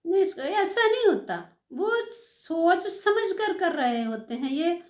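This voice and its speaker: An older woman speaks to her viewers with a high voice, giving earnest and emphatic advice about how people should treat each other. She lectures in a casual, direct way. The recording sounds roomy and echoey. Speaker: advice vlogger.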